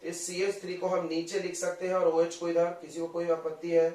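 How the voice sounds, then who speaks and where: A man's voice: on the high side, completely flat delivery, brisk, mellow. A man teaching chemistry in a classroom lecture, quizzing his students and coaxing them to follow along. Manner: coaxing, drills students with questions. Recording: roomy echo, voice from a distance.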